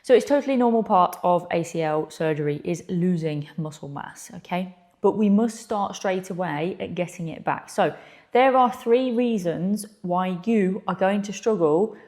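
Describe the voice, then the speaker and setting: A woman's voice: on the low side, dark tone. A woman giving direct, instructional advice as a physiotherapist, emphatic and blunt with rhetorical questions, recorded in an echoey room. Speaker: physiotherapist and clinical mentor presenting. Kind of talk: direct-to-camera instructional talk. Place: echoey indoor space.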